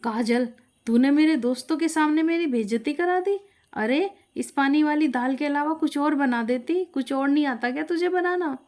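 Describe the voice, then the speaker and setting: A woman voicing a stingy young husband who blames his wife, speaking loud and indignant. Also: high voice, a little fast, few pauses, pitched above the performer's own voice, lightly acted.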